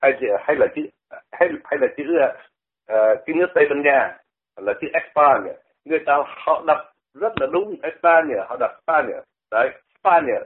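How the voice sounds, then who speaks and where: A man's voice: on the high side, expressive, moderate pace. An older man from Vietnam, talking on the radio and explaining pronunciation in a conversational way, often repeating words to demonstrate them. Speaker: radio commentator. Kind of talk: radio talk, explaining language. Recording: phone-like radio line.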